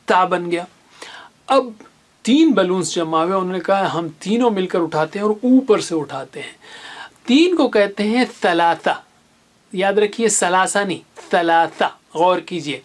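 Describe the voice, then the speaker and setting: A patient reading teacher in a recorded lesson. The pace is unhurried, and each Arabic letter sound is spelled out and repeated with care for the learner. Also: mid-range voice. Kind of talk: recorded lesson with memory stories.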